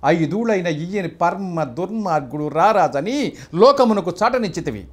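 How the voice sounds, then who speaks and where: A proud, defiant epic king thunders out a formal court speech, as an older man recites it. The voice sits fairly high and carries a grand, classical stage delivery. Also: lively intonation, moderate pace. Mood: defiant, declaiming. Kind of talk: stage-style mythological dialogue recital.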